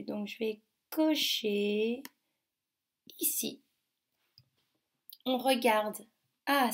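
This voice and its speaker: A woman teaching young children a remote phonics lesson, sounding out each syllable slowly and carefully. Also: fairly high pitch, darkish tone.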